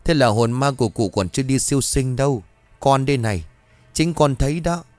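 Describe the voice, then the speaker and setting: A man's voice: mid-range voice, a little fast, dry recording, soft background music, close to an everyday voice. A man voicing a frightened young servant girl who pleads with her mistress. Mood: frightened pleading. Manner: pleading, fearful.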